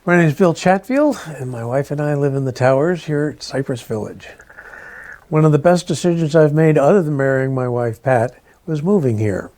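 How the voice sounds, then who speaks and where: Older male candidate, mellow tone, plain conversational self-introduction. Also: a little high, lively intonation, moderate pace, soft background music. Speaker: council candidate. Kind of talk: personal introduction.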